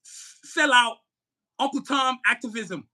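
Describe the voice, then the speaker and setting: Speaking a little slowly in a very high voice, a podcast co-host delivers a furious rant about politics. He's emphatic and profane, occasionally breaking into shouts.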